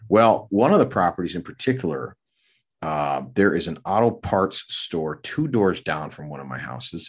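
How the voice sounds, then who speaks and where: A middle-aged man tells a rambling story on his podcast, stopping for fillers and restarting his sentences. His voice sits very low. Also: breathy edge. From Minneapolis area. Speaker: podcast co-host. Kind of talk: casual storytelling.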